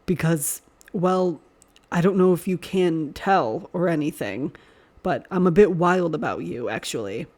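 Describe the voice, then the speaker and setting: A woman voicing a male priest with a low, rumbling, growling voice, soft and restrained. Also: animated, measured pace. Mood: low, tender.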